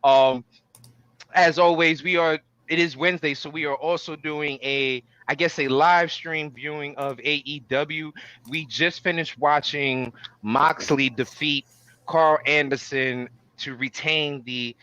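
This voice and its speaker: A man with a forceful, fairly high voice hosts a casual wrestling podcast. He is showy and theatrical, like a ring announcer among fans. The sound is dry and slightly dull, as on a lo-fi recording. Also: steady tone, unhurried, smooth, dry recording. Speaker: podcast host.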